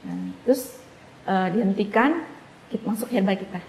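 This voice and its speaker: Animated woman telling a story, echoey room. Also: mid-range voice, normal speed, gravelly. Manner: animated, acts out quoted dialogue. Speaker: guest sharing a family case story. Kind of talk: casual storytelling interview. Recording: echoey room with faint background noise.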